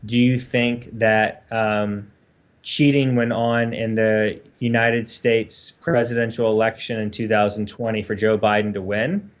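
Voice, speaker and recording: A man's voice: lowish voice, little pitch movement, measured pace, muffled recording. A man co-hosting a casual livestream chat, rambling earnestly with many fillers. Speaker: co-host.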